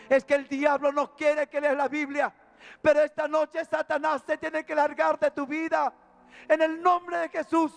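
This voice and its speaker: High-voiced man preaching fervently. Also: creaky. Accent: Peruvian Spanish. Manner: fervent, emotional preaching with repeated phrases. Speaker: preacher giving a testimony. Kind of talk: testimony sermon. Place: church service.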